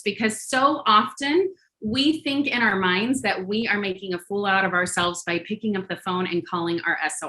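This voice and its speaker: Bright-voiced woman coaching a group call. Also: medium pitch, poor audio. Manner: chatty and encouraging, many fillers and restarts. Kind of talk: casual coaching talk to a group.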